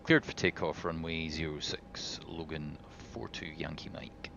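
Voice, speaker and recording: Deep gravelly guy doing pilot radio calls on a cockpit headset, methodical. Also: steady tone, a little slow. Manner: methodical checklist callouts. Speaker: pilot in a flight simulator. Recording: dull lo-fi mic with clear noise.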